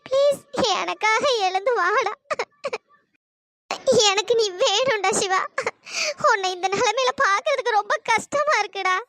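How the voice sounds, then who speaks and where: A woman voicing a young woman heroine in a cartoon story, pleading and sobbing in a very high, sped-up voice. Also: lively intonation, quick pace, hardly any pauses, a bit bright. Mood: tearful.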